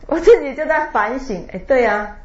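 A woman giving a Buddhist dharma talk, telling a Zen story with drawn-out particles and laughter. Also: high voice, expressive, darkish tone. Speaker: Buddhist teacher. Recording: roomy, dull lo-fi recording.

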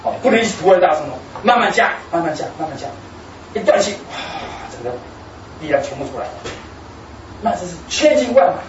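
A man, a Buddhist lay teacher giving a talk. He tells the story in an animated way, acting out quotes and laughing. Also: high voice, a little hiss or hum. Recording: distant, echoey, dull recording.

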